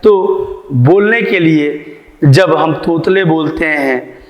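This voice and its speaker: A male teacher gives a grammar lesson to children, slowly explaining and asking and answering his own questions. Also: fairly high pitch. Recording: echoey room with long reverb.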